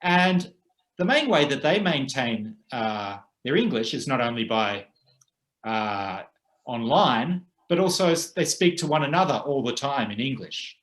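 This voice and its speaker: Male co-host, measured and halting delivery, roomy sound. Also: mid-range voice, animated, a bit bright. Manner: thoughtful, hesitant with frequent "uh" pauses. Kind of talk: casual conversational chat. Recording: roomy echo.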